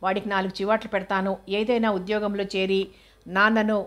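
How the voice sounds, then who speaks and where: A woman's voice: mid-range voice, flat delivery, a little fast, a bit bright, close to an everyday voice. A stern, protective elder sister, young and married, as a woman reads her part. She scolds firmly and steadily, in a level voice with little rise and fall.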